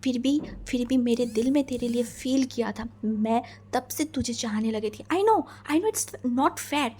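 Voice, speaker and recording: Woman putting on a possessive young husband, intense and low-key, kinda high voice but threatening. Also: animated, normal speed. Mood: hushed, obsessive. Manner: intense, low and hushed, menacing questioning. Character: possessive, obsessive young husband, cold and menacing. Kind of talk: fan fiction story reading.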